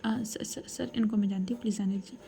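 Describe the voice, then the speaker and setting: A scared young woman stammers out her pleas in a soft, breathy hush, as a woman storyteller puts her on. Her voice sits mellow and dark. This is storybook narration, not a full performance. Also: mid-range voice, steady tone, a little fast, natural voice. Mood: pleading. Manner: stammers, begs in a hushed breathy voice.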